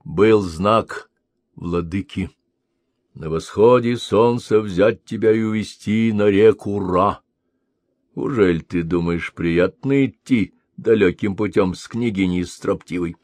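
Man voicing a gruff scolding old sage. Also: on the low side, slow, darkish tone, dry recording, clean studio sound. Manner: grumbling, scolding.

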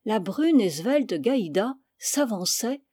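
A woman narrates a story in a measured, expressive reading voice. Her tone is dark and mellow. The recording is close and dry. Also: a little high, husky, dry recording. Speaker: reader. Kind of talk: audiobook narration.

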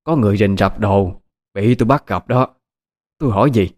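A man's voice: lowish voice, fairly quick, close to an everyday voice. A man voicing a harsh, suspicious older mother-in-law, who scolds and accuses. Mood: scolding. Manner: scolding, accusing, sharp-tongued.

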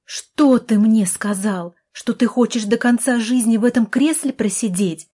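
A woman reading as a shouting, desperate sister. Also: a little high, unhurried, slightly rough, voice pushed up. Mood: pleading. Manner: shouting, pleading reproach. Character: furious desperate young woman, doctor's sister.

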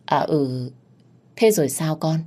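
A woman reading a story aloud, voicing a trusting, soft-hearted older mother who speaks hesitantly and with emotion. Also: sits low, animated, takes it slowly, full character voice.

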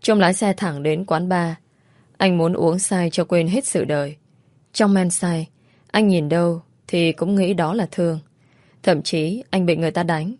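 A woman narrating a family drama story in a steady, plain way. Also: on the low side, no room sound.

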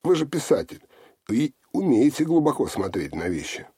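A man's voice: medium pitch, very animated, normal speed, dark tone, breathy edge, dry recording, studio quality, pitched above the performer's own voice. A man voicing a pushy, confident male investigator who talks in an insistent, lecturing way. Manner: insistent, self-assured, lecturing.

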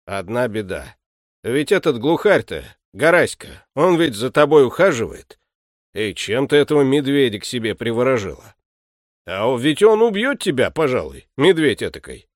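A stern, weary household butler as the man reading the story puts him on, low and curt. His lines rise and fall with lively emphasis, in a dry audiobook sound. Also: moderate pace, no room sound, natural voice. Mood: gruff. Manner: gruff, curt, lowered voice.

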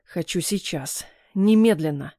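A husky, possessive young fiancé , as a woman reader puts him on, talks in curt, insistent bursts with a rumbling, slightly lowered tone. The audiobook recording is dry and close, with no room around the voice. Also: unhurried, warm tone, no room sound, lightly acted. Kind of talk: audiobook romance reading.

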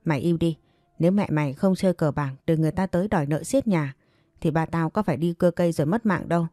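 A woman's voice: sits low, quick pace, mellow, no room sound, studio quality, lightly acted. A woman voicing a grief-stricken young woman. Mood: grieving. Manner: pleading and crying out in grief. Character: grief-stricken young woman who lost her father.

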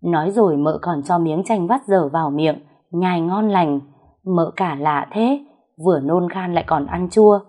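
A woman narrating a first-person story in a calm storytelling voice. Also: on the low side, husky.

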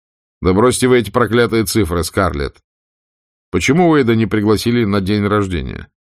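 A man voicing a wry grown man in an audiobook, drawling and gently mocking. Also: fairly low pitch, expressive, moderate pace, no room sound, studio quality. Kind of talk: audiobook character voice.

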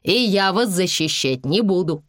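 A woman reading aloud and voicing a male lawyer boss who speaks in a brisk, commanding way. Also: fairly low pitch, expressive, no echo, studio quality. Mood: triumphant.

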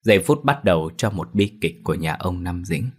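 A man narrating a ghost story in a steady, ominous tone. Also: low voice, a little fast, breathy edge.

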